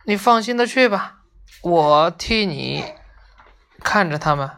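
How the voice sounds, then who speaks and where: A woman voicing a vain little storybook bear with a shrill, fussy voice. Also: animated, slow, creaky, fairly bright tone, slight background noise, full character voice.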